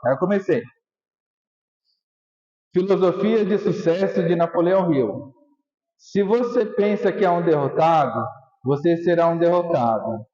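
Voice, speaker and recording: A man's voice: on the high side, animated, a little slow, pauses often, mellow, long reverb tail. A man giving an emotional motivational talk on stage, telling his story and acting out remembered scenes. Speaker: motivational speaker. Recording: dull lo-fi live stage recording.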